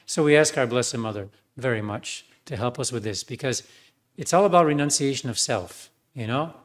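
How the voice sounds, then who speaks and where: Earnest priest giving a sermon. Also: male voice, medium pitch, moderate pace. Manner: earnest, with fillers and restarts.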